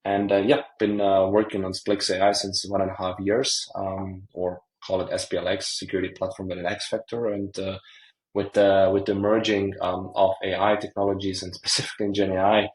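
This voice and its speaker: A middle-aged man from Croatia, a startup founder, answering interview questions in a halting way with many fillers. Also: deep voice, little pitch movement, reverberant, low-quality recording.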